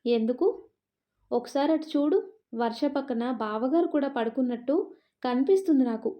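A woman's voice: high voice, normal speed, dark tone, lightly acted. A woman narrator voicing a frightened, teasing young woman who is the younger sister in an audio story. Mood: startled.

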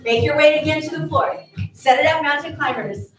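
A woman's voice: sits high, a little fast. A woman fitness instructor calling out counts and cues in short, punchy, encouraging commands with upbeat energy. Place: indoor fitness studio with wooden floor. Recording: distant echoey studio with music playing. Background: workout music.

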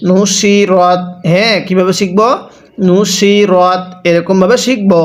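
Male Quran teacher, high voice, slow patient syllable drills. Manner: spells syllables slowly and repeats them for the learner. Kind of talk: slow spelling drill lesson.

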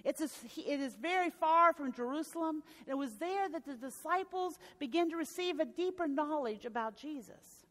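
A woman's voice: high voice, lively intonation, moderate pace, hardly any pauses. A woman pastor preaching a sermon, telling a gospel story with a few restarts along the way. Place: church sanctuary. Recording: reverberant church sanctuary.

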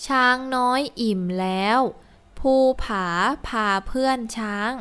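Woman teacher, slow deliberate read-aloud for small children, very measured pace, clean smooth tone. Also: fairly high pitch, bright, forceful tone. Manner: slow, deliberate, word-by-word reading. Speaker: teacher reading a first-grade Thai textbook.

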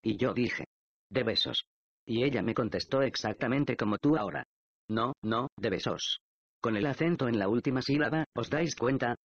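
A man's voice: medium pitch, moderate pace, no echo, natural voice. A man reading the lines of a thoughtful male detective who reasons aloud, in a dull, dry audiobook recording. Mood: recounting.

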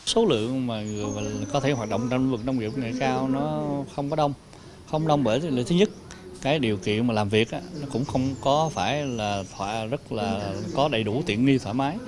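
A middle-aged man explains things plainly, pausing with fillers. He talks into a handheld mic outdoors, with insects and birds chirping clearly behind him. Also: medium pitch. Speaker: agricultural zone official. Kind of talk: news interview. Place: outdoors in a park. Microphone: handheld reporter mic.

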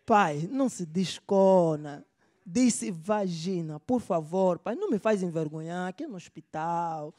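A comedian playing an embarrassed young doctor with an Angolan Portuguese accent, who pleads in a hushed, careful voice. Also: mid-range voice, expressive, fairly quick, close to an everyday voice. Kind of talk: stand-up comedy character voice.

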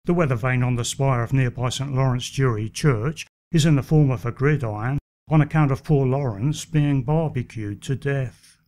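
A man giving scripted walking-tour narration, measured with a dry wit. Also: medium pitch, warm tone.

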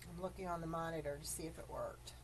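This woman speaks low, steady, and quick as she hosts a live craft tutorial, greeting viewers and explaining every step in a chatty way. She coughs occasionally after choking, and the low-quality recording has slight background noise.

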